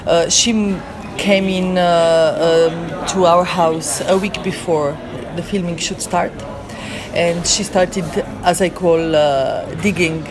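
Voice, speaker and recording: A woman with a Slovenian accent speaks in an interview with a somewhat low voice. She pauses and searches for words as she explains herself. A clear crowd murmur sits behind her. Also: steady tone. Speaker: interview guest, chef. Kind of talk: spoken interview.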